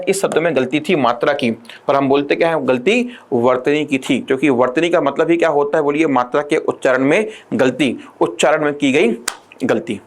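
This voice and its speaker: A male teacher giving an exam-prep lecture who keeps asking the class rhetorical questions and slows down to dictate definitions. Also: on the high side.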